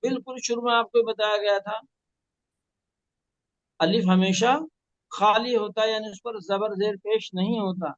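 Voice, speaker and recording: A man teaching Quran reading one-on-one, patiently correcting and spelling out sounds slowly. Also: sits high, steady tone, no echo, muffled recording. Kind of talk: one-on-one recitation lesson.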